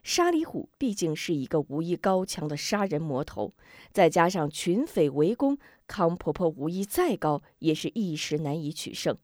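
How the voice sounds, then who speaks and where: A woman's voice: deep voice, very animated, moderate pace, a little mellow, no echo. A woman narrating a martial arts tale in traditional storytelling style, with dramatic rhythmic delivery on a close mic.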